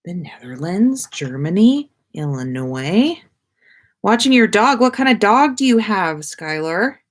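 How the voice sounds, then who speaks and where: Very animated but measured in pace, this woman's medium-pitched voice carries a casual livestream where she reads viewer comments. As a podcast host, she chats with her audience informally, using slang and some mild swearing.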